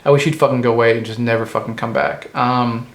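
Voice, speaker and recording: A man's voice: medium pitch, fairly even intonation, quick pace, vocal fry. Profane ranting man in an echoey room. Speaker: movie reviewer. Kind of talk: comedic ranting movie review. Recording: roomy echo.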